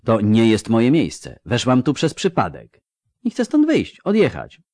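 A man's voice: mid-range voice, wildly swooping pitch, a little slow, a little mellow, no echo, clean studio sound, full character voice. A man voicing a proud, angry young woman who protests in heated, indignant outbursts.

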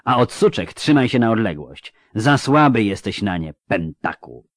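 A man reading aloud and voicing a defiant female sorceress who pants out scornful insults slowly. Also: lowish voice, big pitch swings, dry recording, studio quality. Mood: panting scorn. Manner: panting, scornful.

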